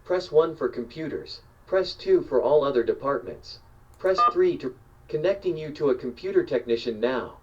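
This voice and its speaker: A male voice reading a recorded automated phone menu message, listing numbered options in an even, measured announcer delivery. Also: medium pitch. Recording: dull, distant playback of a phone menu.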